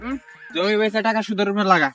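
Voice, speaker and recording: A man's voice: sits high, fast, music in the background. A man with a rural Bangladeshi Bengali dialect, playing the moneylender's hot-headed sidekick in a comedy skit.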